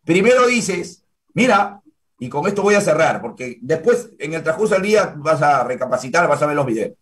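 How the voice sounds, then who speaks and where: A man in his forties hosts a sports show over a video call from a room at home, and the heated debate has him arguing firmly and insisting on his turn to talk. His voice is a little high, bright and sing-song at a normal speed. The audio comes through a webcam.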